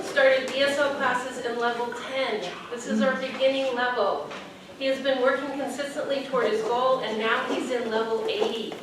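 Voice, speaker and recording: A woman introducing the next student speaker at an event, in a plain announcing manner. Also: a little high. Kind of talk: formal introduction. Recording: echoey room from far off with noise.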